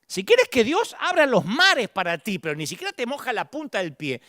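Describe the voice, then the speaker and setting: Animated Argentine preacher, high lively voice. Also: male voice, normal speed, no room sound, clean studio sound. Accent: Rioplatense Spanish. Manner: dramatic, acts out quoted voices. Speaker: pastor. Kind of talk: sermon.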